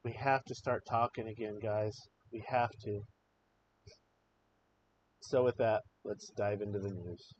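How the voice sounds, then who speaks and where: A man's voice: on the low side, steady tone, a little slow, long pauses. A man hosting a live show, giving impassioned, emotional political commentary and swearing freely. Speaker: livestream show host. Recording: slightly dull audio with faint noise.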